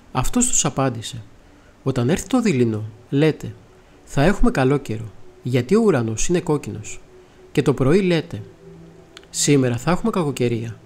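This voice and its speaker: Man reading scripture, steady and measured. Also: medium pitch. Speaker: Bible reader.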